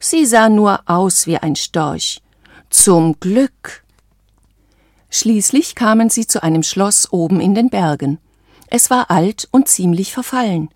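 A woman reads a children's storybook aloud at an unhurried, deliberate pace. Her voice is calm, measured and clear, at a middle pitch. The sound is close and dry, with no room echo.

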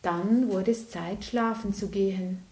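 A woman reading a bedtime story aloud in a gentle, unhurried way. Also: mid-range voice.

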